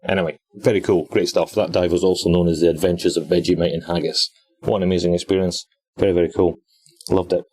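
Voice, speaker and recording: A British man hosting a podcast, chatting and laughing often while he records an audio log from inside a small deep-sea submersible. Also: steady tone, fast, dark tone, dry recording. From Britain. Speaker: expedition scientist and podcast host.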